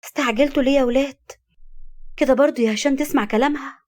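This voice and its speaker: A woman's voice: mid-range voice, very fast, a little mellow, lightly acted. A woman voicing a sly, scheming older woman in an Egyptian Arabic accent, in a storybook reading. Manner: mocking, sly.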